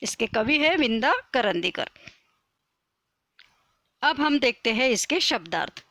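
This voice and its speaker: A woman's voice: on the high side, very animated, takes it slowly, a bit bright, no room sound. A woman teacher, patiently explaining a poem to children.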